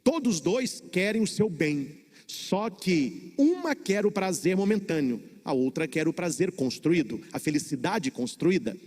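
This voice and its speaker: High-voiced Brazilian priest preaching in a church. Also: male voice, big pitch swings, a little mellow, long reverb tail. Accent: Brazilian Portuguese. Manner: preaching with dramatic pauses and repetition. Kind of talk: sermon.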